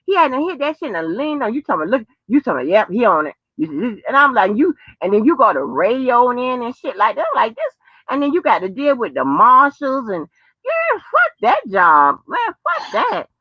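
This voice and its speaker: Slightly high and sing-song, this American host speaks briskly with no echo on a dull lo-fi recording. Her talk is casual, rambling and profane, aimed at viewers and phone callers, with drawn-out exclamations and folksy forms of address.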